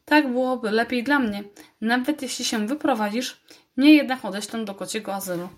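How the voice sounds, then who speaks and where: Gloomy soft-hearted tomcat from a storybook, sighing and glum, as a woman reads him. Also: a little high, normal speed, lightly acted. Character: gloomy gentle male school cat.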